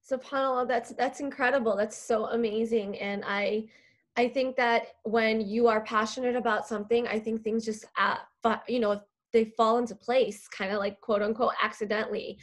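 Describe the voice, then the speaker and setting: A woman's voice: fairly high pitch, fairly even intonation, normal speed. A woman hosting a podcast, interviewing a guest with lots of enthusiasm. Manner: enthusiastic, gushing. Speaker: podcast host. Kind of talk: casual interview chat.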